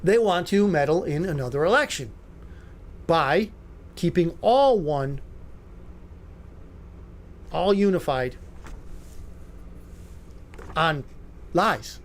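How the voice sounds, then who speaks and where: A man with a notably high voice hosts a talk-radio show. He comments with sarcasm and mocking asides. He rambles with fillers and restarts. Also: lively intonation, slow pace, pauses often, a little hiss or hum.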